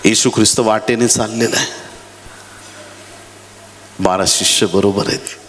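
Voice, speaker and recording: A man preaching a dramatic sermon in a church, dropping to low murmurs and rising to high shouted appeals. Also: steady tone, a little slow. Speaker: pastor. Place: church hall. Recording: echoey hall with faint background noise.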